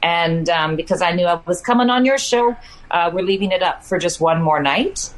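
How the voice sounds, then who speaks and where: A woman guest on a video call with a low, sultry voice, chatting in a laid-back, joking, rambling way. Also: lively intonation, moderate pace. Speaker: comedian guest. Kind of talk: casual chat. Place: on a farm.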